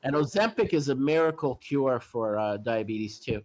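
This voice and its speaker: A man in his fifties chatting casually outdoors, halting and full of fillers and restarts. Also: mid-range voice, lively intonation, a little mellow, rough recording. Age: 50s. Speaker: homeless livestream regular. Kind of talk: casual chat on a livestream.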